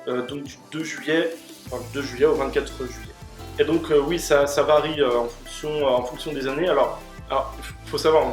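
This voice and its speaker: A man hosting a question-and-answer video, explaining at length with many fillers and restarts. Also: a little high. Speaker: host answering questions on cycling. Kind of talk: casual explanatory Q&A. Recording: roomy room with faint music.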